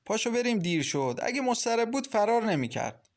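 A man's voice: high-pitched, big pitch swings, voice pushed up. A man voicing a mocking, cautious young woman in a storybook reading, teasing and fretful by turns.

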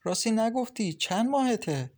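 A man's voice: sits high, pitched above the performer's own voice. A man voicing a caring, talkative young wife who gives kind, lecturing advice in an audiobook. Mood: concerned. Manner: lively, reassuring, lecturing kindly. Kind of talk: audiobook character reading.

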